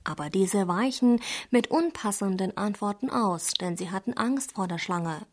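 A woman narrates a fable in a scripted storybook style. Her reading is even and clear. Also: mid-range voice, normal speed.

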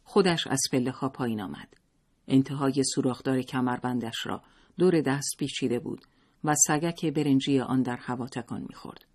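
A man narrating a story in a steady, measured storytelling manner. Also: medium pitch.

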